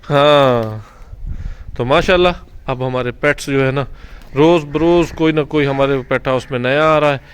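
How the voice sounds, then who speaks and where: A man's voice: medium pitch, normal speed, a little hiss or hum. A man hosting a casual pet vlog at an outdoor bird enclosure, instructing a boy as he narrates. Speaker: vlog host.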